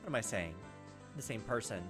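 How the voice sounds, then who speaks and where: Loud music plays behind this let's player, whose voice sits on the low side. He reads a visual novel aloud a little fast and animatedly, reacting to the text with casual, sometimes profane asides.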